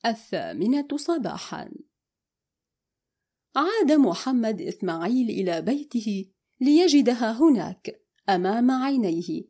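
A woman narrating a novel as an audiobook in steady, unhurried storytelling. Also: a little high.

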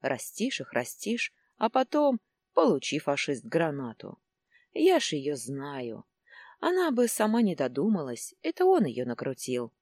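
Woman reading a bitter scolding mother, husky low voice, swooping. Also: wildly swooping pitch, unhurried, darkish tone, dry recording, studio quality, full character voice. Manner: resentful, scolding. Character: bitter middle-aged mother, quarrelsome wife.

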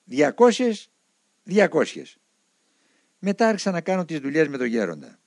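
A man narrating a memoir audiobook in an expressive storytelling manner. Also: on the high side, no room sound. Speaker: audiobook reader.

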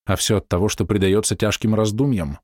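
A man's voice: lowish voice, fairly even intonation, a little fast, darkish tone, no room sound, studio quality. A man narrating a first-person novel as an audiobook, reading expressively and with feeling.

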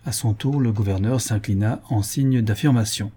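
A male audiobook reader narrating a historical tale. His voice is dark and mellow, with a husky edge. He reads at a measured, storytelling pace. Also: on the low side.

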